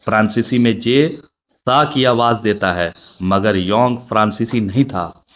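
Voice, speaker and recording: A mock-pompous young eccentric barks out his lectures, loud and scolding, put on by a man reading a story. The voice sits low, and the recording is dull and lo-fi. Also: a little slow. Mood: lecturing.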